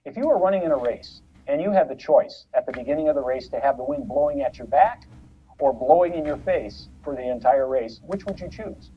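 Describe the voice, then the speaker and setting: A man teaching trading in a measured, explanatory way, heard as a re-recorded playback of an old recording. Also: mid-range voice, expressive, slight background noise. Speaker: trading instructor. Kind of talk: instructional lecture. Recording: muffled, distant re-recorded playback.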